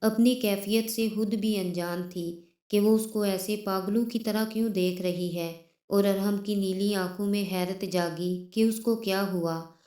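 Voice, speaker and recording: A woman storyteller reading a scripted story in a steady, emotive manner. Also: mid-range voice, unhurried, roomy sound.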